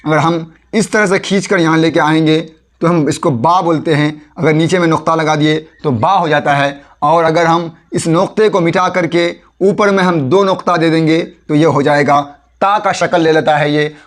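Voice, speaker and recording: Male teacher, slightly high voice, patient and repetitive, talks through each stroke as he writes. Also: steady tone, moderate pace. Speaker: handwriting teacher. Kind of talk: casual spoken lesson, demonstrating while writing.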